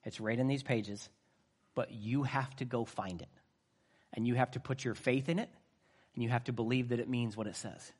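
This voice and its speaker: A middle-aged man preaching a sermon, swinging between soft, earnest talk and loud bursts. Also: medium pitch, steady tone, moderate pace, slightly rough. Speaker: pastor.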